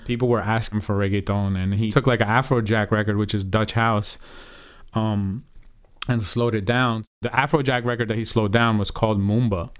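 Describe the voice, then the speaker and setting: A man's voice: fairly low pitch, fairly even intonation, normal speed, clear, resonant tone. A man who grew up in New Jersey, a DJ and producer, talking in a casual, slangy interview. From New Jersey, USA. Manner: laid-back, slangy storytelling. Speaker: DJ and music producer being interviewed.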